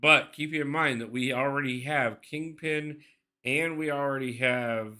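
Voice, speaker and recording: A man's voice: medium pitch, fairly even intonation, a little slow, pushed and bright. A man live-streaming a mobile game, chatting casually, thinking aloud and greeting his viewers by name.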